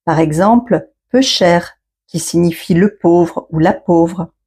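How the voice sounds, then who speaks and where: A woman's voice: lowish voice, slow pace, mellow, husky. A woman hosting an educational podcast as a French teacher, reading scripted narration with didactic phrasing for learners.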